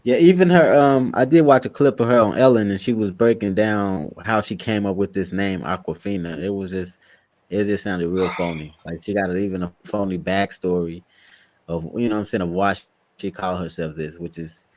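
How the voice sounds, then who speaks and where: A man's voice: deep voice, moderate pace, a little mellow. A man co-hosting a casual podcast chat, talking in a loose, rambling way. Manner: loose, rambling, many fillers. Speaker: podcast co-host.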